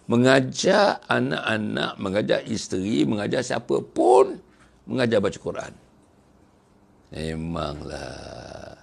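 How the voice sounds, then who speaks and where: A man with a Malaysian Malay accent giving a religious lecture, speaking in an animated, rhetorical way. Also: mid-range voice, moderate pace, creaky. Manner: animated, rhetorical, acts out angry people in whispers. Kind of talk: sermon lecture.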